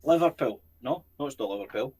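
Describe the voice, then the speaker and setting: A man's voice: mid-range voice, expressive, fast, mellow, husky. A Scottish man co-hosting a paranormal channel, chatting casually in a rambling, jokey way and swearing freely. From Scotland. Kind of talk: casual chat.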